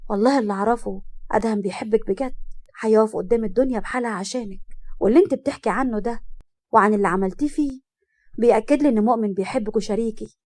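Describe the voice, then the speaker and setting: A woman voicing a gentle mother who coaxes her daughter, in an Egyptian accent. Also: a little high, quick pace, lightly acted. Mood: tender.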